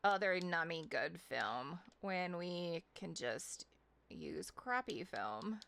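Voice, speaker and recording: A woman's voice: on the low side, big pitch swings, slow, gravelly, fairly bright tone, a little hiss or hum. A woman streamer giving casual, chatty commentary while she plays a game, sometimes talking to her dog.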